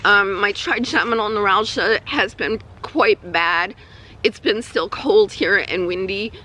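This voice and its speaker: A woman with a weak, strained voice and a troubled throat, giving a halting, casual personal update to camera while outdoors. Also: medium pitch, sharp tone, poor audio. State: throat spasms with coughing and throat clearing. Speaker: vlogger. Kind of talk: personal health update vlog, casual talk. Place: outdoors on a hike.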